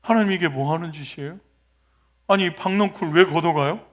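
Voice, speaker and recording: A man doing a fed-up complaining prophet, whiny, loud and high, exasperated protest, sermon retelling. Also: a little fast, lightly acted. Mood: irritated. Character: indignant complaining male prophet Jonah.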